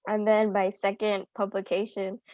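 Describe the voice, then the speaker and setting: A woman's voice: mid-range voice, flat delivery, normal speed, a little mellow, no room sound. A young woman in her twenties giving a casual slide presentation over a video call, hesitant and full of filler words and restarts. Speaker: student presenter.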